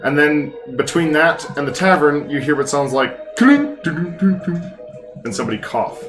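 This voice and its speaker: A man narrating a tabletop game as game master, improvising descriptions and halting as he searches for words. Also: on the high side, animated, over music.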